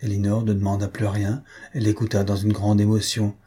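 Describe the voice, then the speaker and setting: A man narrating a classic novel as an audiobook, in a calm and even storytelling manner. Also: lowish voice, fairly quick, husky.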